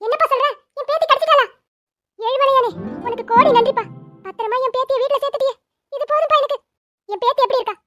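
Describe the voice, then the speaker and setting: Shrill scolding cartoon grandmother. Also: animated, rapid-fire, pushed and bright, no echo, studio quality, soft background music, full character voice. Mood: overjoyed. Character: sharp-tongued old grandmother, scolding and bitter. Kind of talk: cartoon dubbing.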